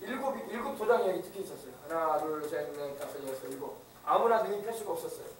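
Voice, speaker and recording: A man's voice: fairly high pitch, lively intonation, quick pace. A male pastor preaching a sermon, emphatic and often asking the congregation questions. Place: church. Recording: echoey church from far off.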